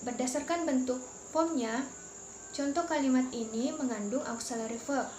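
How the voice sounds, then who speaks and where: A woman's voice: high voice, darkish tone. A young woman student explaining English question tags, reading example sentences aloud carefully. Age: young adult. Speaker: student presenter. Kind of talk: explaining English grammar in class video. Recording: roomy echo, faint background hum.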